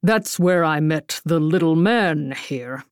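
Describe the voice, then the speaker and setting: A woman voicing a weary giant man in an audiobook, speaking slowly and gruffly. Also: low-pitched, expressive, no room sound, studio quality, exaggerated voice.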